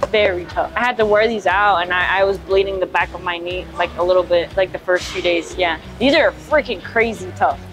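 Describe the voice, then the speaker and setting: Chatting casually in an indoor gym for a vlog, a young woman powerlifter rambles with plenty of filler words into a lapel mic while background music plays underneath. Her voice is lowish and a little fast, with hardly any pauses.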